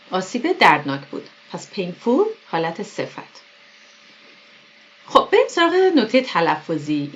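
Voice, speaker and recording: A woman whose first language is Persian, teaching English vocabulary. She reads English examples slowly and then explains them quickly. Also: mid-range voice. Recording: dull lo-fi recording.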